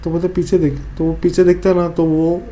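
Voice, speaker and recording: A man with a Northeast Indian accent tells a horror story casually and with animation, voicing his friends' lines amid many fillers and repeats. His voice is a little high and his delivery brisk.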